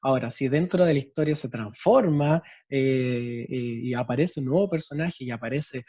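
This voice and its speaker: A man's voice: medium pitch, moderate pace, warm tone, slightly rough, no room sound, highs cut off. A male special education teacher with a Chilean accent, giving an explanatory lecture on storytelling and often checking in with tag questions. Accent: Chilean Spanish.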